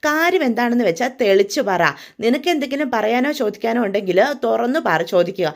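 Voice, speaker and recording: A man's voice: very high voice, lively intonation, fast, gravelly, exaggerated voice. Woman doing a middle-aged shopkeeper dad, indignant, blunt, impatient, story recap. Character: indignant middle-aged father, shop owner.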